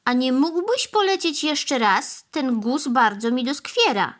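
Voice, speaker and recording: A woman's voice: expressive, measured pace. A woman voicing an injured, pleading mother cow who moos between words in a children's storybook reading. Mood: plaintive. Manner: lowing "moo" interjections, plaintive.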